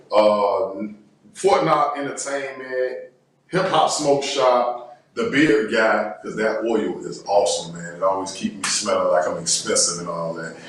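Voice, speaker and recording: A man's voice: mid-range voice, fairly bright tone, slight background noise. Joking man hosting, echoey room. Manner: laid-back, joking, fills with "man" and "you know". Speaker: show host. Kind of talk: casual talk-show banter. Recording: echoey room, distant mic.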